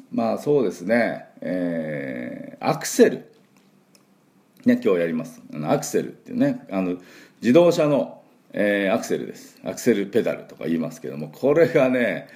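A middle-aged male English teacher with a low voice that jumps around in lively swings. He wanders off on chatty side notes, then drills words for listeners to say after him. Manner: chatty, digressive, drills phrases for listeners to repeat. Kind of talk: spoken English pronunciation lesson.

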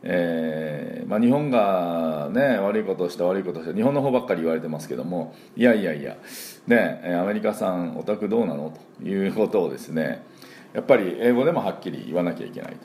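A man's voice: low voice, lively intonation, a little fast, warm tone, a little hiss or hum. A man, an English teacher and school principal, giving a casual spoken radio lesson, chatty with many fillers and modeling pronunciation aloud.

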